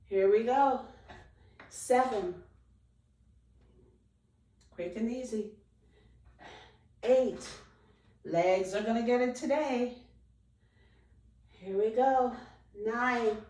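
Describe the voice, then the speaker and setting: A woman's voice: on the high side, extremely slow, pauses often, mellow. A woman leading an exercise class as an aerobics instructor, giving short encouraging commands, counting reps and cueing form. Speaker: fitness instructor leading a chair workout. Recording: roomy echo, distant microphone.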